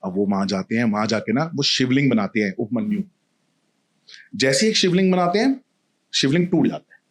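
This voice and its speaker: Animated male storyteller acting out voices. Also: mid-range voice, fairly quick. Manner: animated, acts out every character. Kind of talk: casual spoken storytelling.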